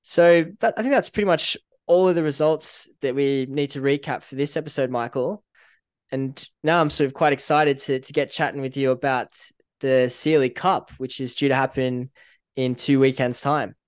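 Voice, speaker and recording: A man's voice: mid-range voice, moderate pace, clear, resonant tone, dry recording. Man, Northern Irish accent, casual podcast chat, clean resonant voice, dry close sound. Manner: relaxed, chatty, with frequent fillers and small laughs. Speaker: podcast co-host.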